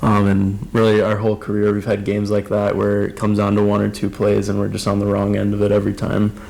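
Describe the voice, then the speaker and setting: A man's voice: on the low side, completely flat delivery, fairly quick, gravelly, a little mellow, poor audio. A young man from Arizona who plays college football, answering politely in an interview. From Phoenix, Arizona. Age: 20s. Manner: polite, says yes sir. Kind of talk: casual interview.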